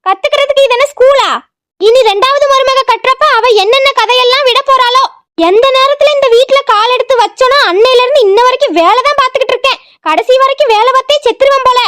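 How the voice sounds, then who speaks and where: A sassy young daughter-in-law with quick comebacks, voiced by a woman. Her cartoon voice is extremely high and childlike, with a southern Tamil Nadu accent. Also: fairly bright tone. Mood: cheeky. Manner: sassy, cheeky, quick retorts. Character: cheeky young daughter-in-law, sharp-tongued. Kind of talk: cartoon voice acting.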